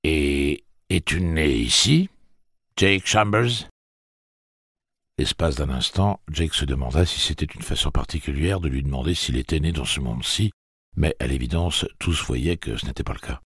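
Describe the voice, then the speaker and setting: Very deep, gravelly audiobook narrator. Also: male voice, brisk, no echo, clean studio sound.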